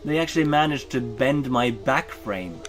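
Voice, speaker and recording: While gaming on stream, a man from Norway keeps up a rambling casual chat, peppered with ums and uhs and self-corrections. He talks at a normal speed in an expressive, medium-pitched voice over faint background music.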